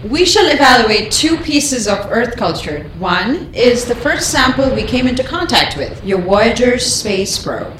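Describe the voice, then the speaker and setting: A man's voice: very high-pitched, big pitch swings, measured pace, few pauses, heavily acted. A man voicing a disappointed alien lizard emissary who makes formal proclamations that slip into casual slang, heard as a distant broadcast. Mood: solemn. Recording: echoey, distant broadcast with loud background noise.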